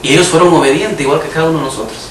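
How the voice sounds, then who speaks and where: A man's voice: on the high side, fairly even intonation, rapid-fire, background noise. A man preaching an emphatic sermon in a church hall, now and then raising his voice for quoted cries. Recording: echoey room, mic far off.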